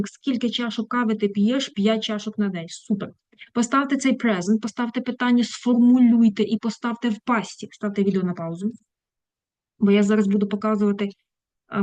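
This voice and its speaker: A woman's voice: mid-range voice, darkish tone, no echo. A woman English teacher giving a casual online lesson, chatty, breaking off mid-thought and turning to her students with fond asides. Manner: chatty, self-interrupting, affectionate asides.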